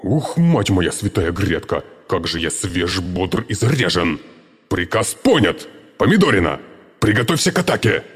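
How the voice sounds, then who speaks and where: A man's voice: low voice, normal speed, slightly rough, in a large hall. A man voicing a rowdy foul-mouthed cucumber. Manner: shouting, crude and wildly excitable. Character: foul-mouthed hyperactive male cucumber servant. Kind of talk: audiobook character voice.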